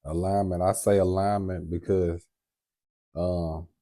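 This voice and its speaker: A man's voice: low-pitched, flat delivery, slow, dark tone. A man co-hosting a casual chat, speaking in short, encouraging remarks. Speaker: podcast co-host.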